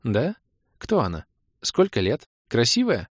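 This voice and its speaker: A man's voice: mid-range voice, wildly swooping pitch, breathy edge, dry recording, clean studio sound, exaggerated voice. A man voicing a worried middle-aged mother who nags and fires off anxious questions. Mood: fretful. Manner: anxious, nagging, rapid questions.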